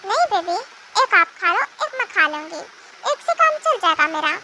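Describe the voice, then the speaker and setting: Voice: very high voice, big pitch swings, normal speed. A fan dubber voicing a moody, childish pregnant young wife who whines and speaks of herself in the third person. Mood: sweet. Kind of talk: amateur fan dub. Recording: noisy home recording.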